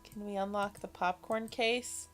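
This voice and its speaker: A woman co-hosting a game stream, thinking aloud as she plays in a casual, wry, deadpan way. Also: mid-range voice, a little slow, faint music behind. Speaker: game streamer co-host playing the game. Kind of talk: casual live game commentary.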